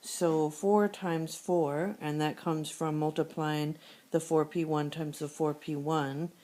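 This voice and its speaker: A woman's voice: deep voice, slow pace. A woman with a sore throat, teaching a screencast math lesson and explaining each problem step by step. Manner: steady step-by-step explaining, thinking aloud. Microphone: tablet screencast recording.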